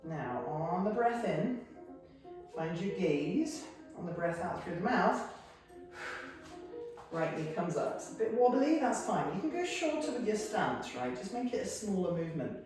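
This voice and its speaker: A woman's voice: lowish voice, very animated, a little slow. Yoga teacher woman in an echoey room. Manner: encouraging, cueing moves on the breath with light laughs. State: a little out of breath at times. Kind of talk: guided yoga class instruction. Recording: very echoey room, mic from far off. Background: soft piano music.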